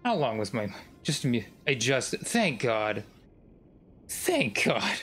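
A man's voice: mid-range voice, very animated, slow pace, a bit bright, breathy edge. A man streaming a video game, commenting casually, swearing often and bursting into sudden screams. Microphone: desk microphone.

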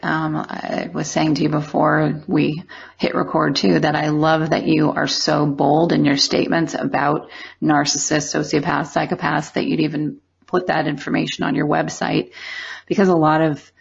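A woman's voice: low-pitched, gravelly, slightly rough. A woman hosting a radio show, talking in a candid, informal, conversational way with her guest. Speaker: radio show host, consultant. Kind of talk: conversational interview. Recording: dull, lo-fi audio.

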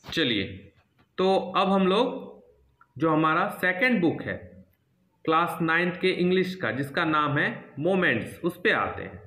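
A man's voice: a little high, sing-song, measured pace, pushed and bright, echoey room. A male English teacher walks students through a syllabus. He speaks steadily and repeats himself, checking in often with "theek hai". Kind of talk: syllabus walkthrough lesson.

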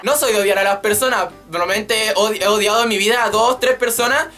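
A man's voice: sits high, fast, bright, forceful tone, soft background music. A man in his twenties with a Chilean Spanish accent, chatting animatedly on his vlog in a small room, swearing freely and joking as he rants. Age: 20s. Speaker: YouTube channel host. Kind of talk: casual vlog chat. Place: small room with a drum kit. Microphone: webcam at desk.

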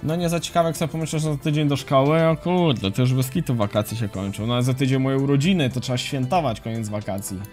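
A man streaming a game, commentating casually and chatting with viewers in a relaxed, slangy way. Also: medium pitch, quick pace, hardly any pauses. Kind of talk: casual live commentary while playing and reading chat. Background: faint music and keyboard typing.

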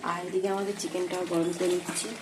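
A woman's voice: lowish voice, little pitch movement, quick pace. Chatty woman vlogging from her kitchen. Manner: chatty, talks straight to viewers while cooking. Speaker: home vlogger and mother. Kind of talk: casual vlog narration to viewers. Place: home kitchen indoors. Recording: clattering kitchen noise behind. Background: dishes, pots and cutlery clatter.

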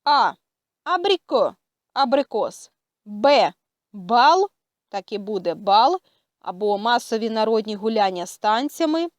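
A woman with a Ukrainian accent teaching a language lesson, speaking carefully and pausing often with hesitant fillers. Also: mid-range voice, lively intonation, dry recording, clean studio sound. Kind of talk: slow spoken lesson.

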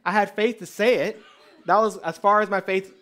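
A man preaching a sermon, telling testimony stories in a lively, conversational way and speaking straight to the congregation. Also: sits high, normal speed. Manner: lively storyteller, acting out dialogue; conversational, addresses the congregation directly.

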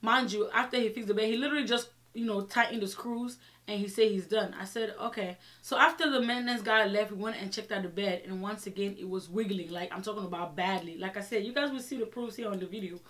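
Young woman on an animated storytime rant. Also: medium pitch, fast talker, few pauses. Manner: exasperated, emphatic, retelling dialogue in quoted exchanges. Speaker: vlogger telling her own story. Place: small indoor room with shelves, seated before the camera.

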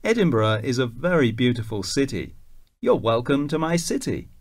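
A man reading a self-introduction for a listening exercise, spelling out his name clearly. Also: mid-range voice, sing-song. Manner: slow, clearly enunciated, spells out names. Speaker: exam recording reader.

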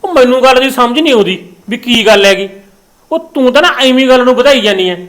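A man's voice: very high-pitched, expressive, quick pace, fairly bright tone. A Punjabi-accented man in a comic family drama sketch, worried and grumbling.

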